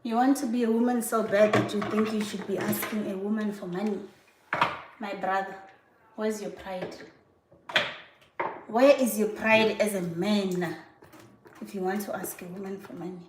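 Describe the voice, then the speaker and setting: A woman's voice: mid-range voice, flat delivery, fairly quick, background noise. A woman chatting sarcastically to her viewers while washing dishes at home, laughing often. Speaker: vlogger. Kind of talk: casual chat to viewers. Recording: echoey room, mic far off.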